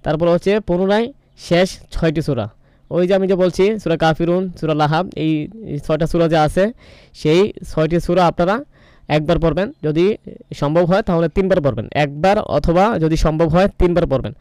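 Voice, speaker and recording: A man calmly explaining a religious cleansing ritual step by step, pausing often with fillers and reciting short Arabic phrases. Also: on the high side, clean tone, dry recording. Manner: unhurried, hesitant, many fillers, Arabic recitations. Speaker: ruqyah healer explaining a ritual. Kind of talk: instructional explanation.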